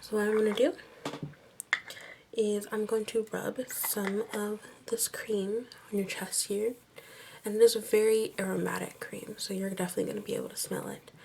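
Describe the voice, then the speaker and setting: A woman's voice: medium pitch, level tone, normal speed, vocal fry. Whispering woman in a doctor roleplay. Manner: soft whispering, gentle and reassuring. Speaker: ASMR creator playing a doctor. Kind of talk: ASMR medical exam roleplay. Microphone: close microphone. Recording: noisy close-mic recording with clicks.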